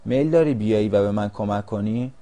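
A man's voice: on the low side, mellow, natural voice. A man voicing a restless, curious striped caterpillar in a storybook, speaking earnestly. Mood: determined.

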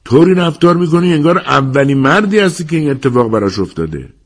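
A man's voice: a little high, very animated, voice pushed up. A man voicing a blunt, worldly neighborhood man in an audiobook, scolding plainly. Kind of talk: audiobook character voice.

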